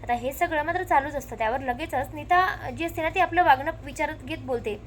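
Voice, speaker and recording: Narrating a TV serial episode recap, a woman tells the story with liveliness and quotes the characters' dialogue back to back. Her voice sits high and fairly quick, over slight background noise.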